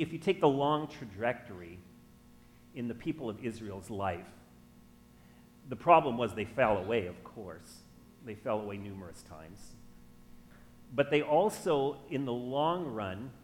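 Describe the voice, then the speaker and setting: A pastor giving a sermon, telling everyday stories with acted-out back-and-forth dialogue before moving into scripture. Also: male voice, medium pitch, a little hiss or hum. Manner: animated storytelling with hypothetical dialogue.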